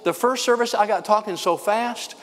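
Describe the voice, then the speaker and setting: An older man, a pastor, preaching a sermon with fast, excited emphasis. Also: sits high, big-room sound.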